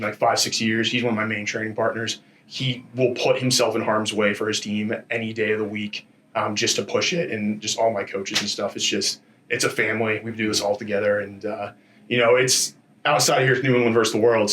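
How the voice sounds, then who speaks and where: A man speaking as a fighter in a casual post-fight interview, in an informal, rambling and animated storytelling way with slangy asides. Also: on the low side, slight background noise. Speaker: MMA fighter being interviewed after a bout.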